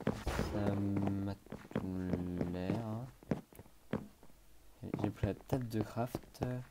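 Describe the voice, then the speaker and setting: Slow, hesitant man commentating a game. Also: lowish voice, heavy background noise. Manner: hesitant, many fillers, talks to himself, bursts of panicked exclamations. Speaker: gaming YouTuber. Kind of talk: casual gameplay commentary.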